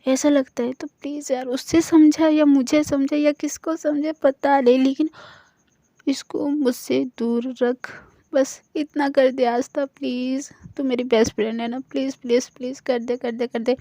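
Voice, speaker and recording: A woman's voice: high voice, fairly even intonation, unhurried, dark tone, dry recording, studio quality. A woman voicing a dramatic young woman who keeps begging her best friend for help. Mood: pleading. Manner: whiny and begging, repeats please. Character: pleading, dramatic young woman, hates being pursued.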